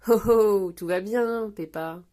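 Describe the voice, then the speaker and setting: A woman's voice: mid-range voice, takes it slowly, warm tone, natural voice. A woman voicing an easygoing daddy pig in a storybook, reassuring in tone.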